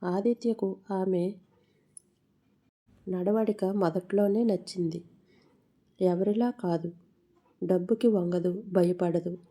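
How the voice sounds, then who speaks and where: A woman narrating a moral story in a measured storytelling manner, with the odd small slip. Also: lowish voice, steady tone, dark tone.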